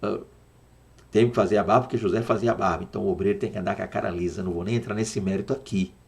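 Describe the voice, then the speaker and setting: A man with a Brazilian accent teaching a Sunday school Bible lesson, animated and full of rhetorical questions, slowing down to spell out words. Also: lowish voice, gravelly. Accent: Brazilian Portuguese. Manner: dramatizes quotes, slowing down to spell out Hebrew words.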